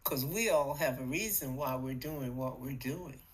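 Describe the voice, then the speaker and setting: A middle-aged woman hosting a spiritual podcast, talking in a casual, animated way, acting out little voices and laughing often. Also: a bass voice, a little slow, rough recording. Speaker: podcast host.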